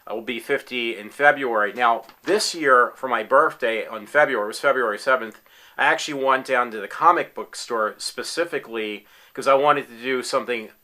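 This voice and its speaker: This applicant, a man in his 40s, records himself at home for a tryout video, chatting eagerly as a fan and rambling with lots of fillers and restarts. He speaks a little fast in a mid-range voice that sounds pushed and bright.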